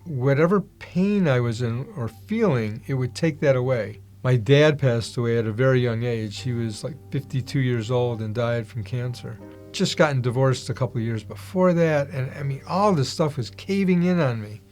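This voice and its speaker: A middle-aged man giving a personal testimony in an animated storytelling manner, acting out the dialogue he recalls. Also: medium pitch, moderate pace, faint music behind. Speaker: testimony speaker.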